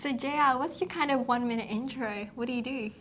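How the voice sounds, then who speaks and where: A woman's voice: high-pitched, fairly bright tone, slight background noise. A woman hosting a podcast interview, asking playful, teasing questions and laughing easily. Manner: upbeat and playful, quick to laugh and tease. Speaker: podcast host.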